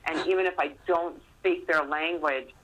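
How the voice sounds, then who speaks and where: A middle-aged woman, an author appearing as a podcast guest, tells stories casually in a chatty, self-deprecating way, animatedly retelling exchanges. Her voice is low-pitched at a moderate pace, and the recording's highs are cut off.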